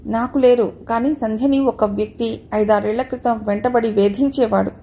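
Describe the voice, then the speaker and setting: A steady, protective young fiancé from a novel, read by a woman who keeps her own mellow, slightly high voice. He speaks plainly and firmly, matter-of-fact and brave. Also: normal speed, slight background noise, natural voice.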